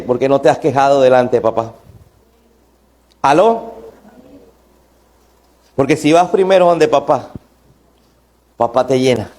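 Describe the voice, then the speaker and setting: A male pastor, preaching an impassioned sermon that rises to near shouts. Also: high-pitched.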